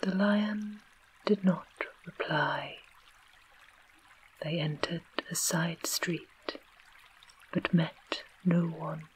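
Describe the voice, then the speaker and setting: A woman with an English accent reading a bedtime story in a soft unvoiced whisper, as whispered role-play. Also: lowish voice, very slow, long pauses, dull audio, a little hiss or hum. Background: faint trickling water ambience.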